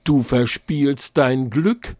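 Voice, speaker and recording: A man's voice: medium pitch, very slow, dry recording, dull audio. A man voicing a boastful, menacing male spirit from a bottle in a fairy tale reading. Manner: threatening, then pleading.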